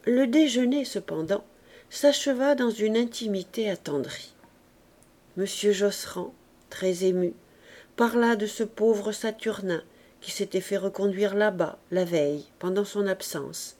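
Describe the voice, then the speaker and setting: A woman reads a classic novel aloud in a clear, measured way. Her voice has a dark, mellow warmth at a medium pitch. The narration is paced and literary. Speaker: audiobook reader.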